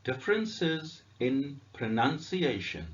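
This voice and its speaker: Very slow-speaking man drilling pronunciation. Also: medium pitch, very animated, dull audio. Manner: deliberate, repeats each letter. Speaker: English teacher.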